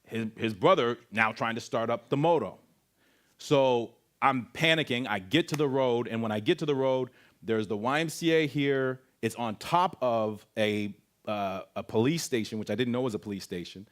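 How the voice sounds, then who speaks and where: Animated man telling a story. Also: medium pitch, normal speed. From Canada. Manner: animated storyteller who acts out voices and sound effects. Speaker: camp speaker. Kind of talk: storytelling testimony talk.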